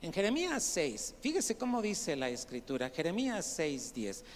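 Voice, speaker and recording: A male pastor preaching a sermon, swinging from quiet asides to loud, rising outbursts and questioning his congregation directly. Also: on the high side, huge pitch swings, moderate pace. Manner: addresses listeners as brother, asks questions of the congregation. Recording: long hall reverb.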